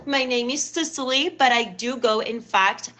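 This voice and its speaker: A fairly high, bright, forceful voice at a moderate pace belongs to a Cuban woman in her thirties. She runs a live stream talk show with a Cuban Spanish accent, talking effusively and chattily and thanking people repeatedly.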